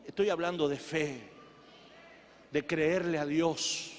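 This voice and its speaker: A male pastor delivering an impassioned sermon that swings from shouted declarations to quiet, low passages. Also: steady tone, takes it slowly, a little hiss or hum. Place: church sanctuary. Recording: long church hall reverb.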